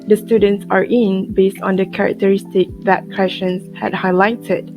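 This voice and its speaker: A woman's voice: medium pitch, little pitch movement, moderate pace. A woman student presenting a class project, reading her script as narration. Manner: reads a prepared academic script. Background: guitar music.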